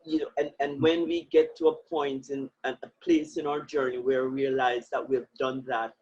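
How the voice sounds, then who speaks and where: A woman's voice: very deep voice, level tone, normal speed, a little mellow, slightly rough. A woman speaking as a guest in an interview, talking earnestly and with emphasis, often breaking into laughter. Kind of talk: reflective interview talk. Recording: muffled lo-fi audio.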